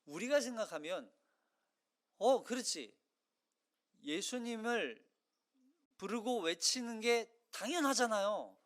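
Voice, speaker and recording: A male pastor giving a Sunday sermon in a conversational, animated way, acting out the voices of the crowd. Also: sits high, takes it slowly, long pauses. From South Korea.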